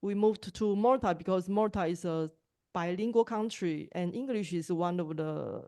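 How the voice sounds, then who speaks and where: A woman's voice: on the low side, warm tone. A woman from Taiwan with a Taiwanese accent, speaking English as a second language, introducing herself hesitantly on a video call. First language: Mandarin. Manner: hesitant, with pauses and restarts. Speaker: language teacher and podcaster. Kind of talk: online group introductions.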